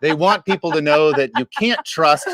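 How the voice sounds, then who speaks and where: A man's voice: a little high, normal speed, a bit bright. A man co-hosting a casual podcast chat, wry and sarcastic, often laughing at his own jokes. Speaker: podcast co-host.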